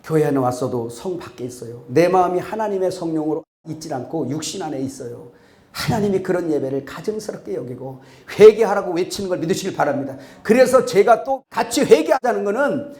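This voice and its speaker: A man preaching a sermon as pastor. He is impassioned and swings from loud exclamations to hushed asides. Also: high-pitched. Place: church sanctuary. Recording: echoey church hall.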